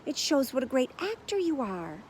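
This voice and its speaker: A woman's voice: high-pitched, very animated, normal speed, darkish tone, a little hiss or hum, voice pushed up. A woman voicing a gushing, theatrical actress in a storybook. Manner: gushing, says darling.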